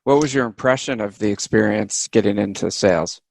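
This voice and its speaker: A man hosting a podcast, asking his guest questions in a relaxed, conversational way. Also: fairly low pitch, a little fast, creaky, no echo. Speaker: podcast host. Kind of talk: interview questions.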